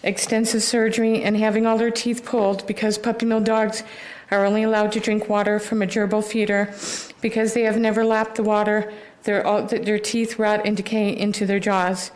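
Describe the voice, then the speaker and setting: A woman's voice: medium pitch, little pitch movement, normal speed, a little mellow, low-quality recording. Emotional, hesitant American woman. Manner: emotional, hesitant, with many fillers. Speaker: public commenter. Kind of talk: public comment, partly reading aloud.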